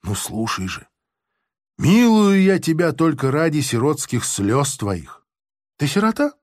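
A man's voice: fairly high pitch, sing-song, unhurried, dry recording, studio quality. Man doing a smug, sanctimonious army officer. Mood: smug, oily. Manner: unctuous, moralizing, then gleefully shouting.

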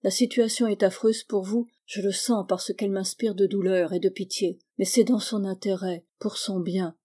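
A woman reading the part of an older gentleman who speaks with gentle, firm, fatherly persuasion in a novel. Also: mid-range voice, fairly even intonation, moderate pace, breathy edge, close to an everyday voice. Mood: consoling.

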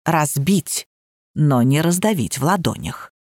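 A woman's voice: sits low, very animated, measured pace, darkish tone, dry recording, studio quality, pitched below the performer's own voice, exaggerated voice. A woman reading the part of a stern, sardonic old woman, a pensioner who gives orders and mocks her guests. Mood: bossy. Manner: commanding and teasing.

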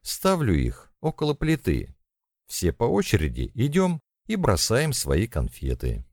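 A man's voice: medium pitch, huge pitch swings, unhurried, darkish tone, no echo, studio quality, pitched above the performer's own voice, exaggerated voice. A man playing Lika, a chirpy young woman. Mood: cheerful. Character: lively blonde young woman, eager and excitable. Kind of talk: audiobook character voice.

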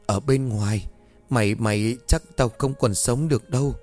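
A man's voice: mid-range voice, moderate pace, a little mellow, soft background music, lightly acted. A man reading the lines of a frightened young woman haunted by a demon, in a fearful, pleading voice.

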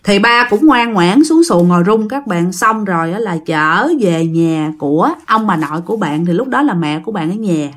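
A woman's voice: mid-range voice, expressive, moderate pace, hardly any pauses. A woman with a Southern Vietnamese accent casually telling a ghost story, chatting directly to her listeners. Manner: chatty, addresses listeners directly, acts out quoted speech.

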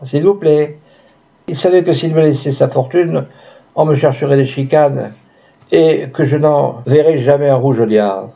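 A man's voice: a little high, gravelly, mellow. A man voicing a scheming, cynical young woman who coolly bargains, read in a storybook style on a dull lo-fi recording. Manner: cool, haughty, bargaining.

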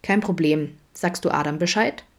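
A woman's voice: deep voice, normal speed. A woman voicing a matter-of-fact male colleague calling late at night in an audiobook reading.

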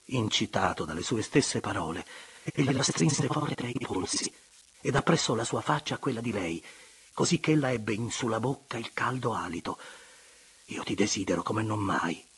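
A man reading a classic novel aloud as an audiobook narrator, measured and expressive, sometimes sinking to hushed tones. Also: mid-range voice, slightly rough.

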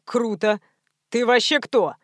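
Audiobook: a woman doing a brusque male film director, curt and commanding, rather high voice. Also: slow, fairly bright tone, no room sound, studio quality. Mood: bossy. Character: rude bossy male low-budget film director.

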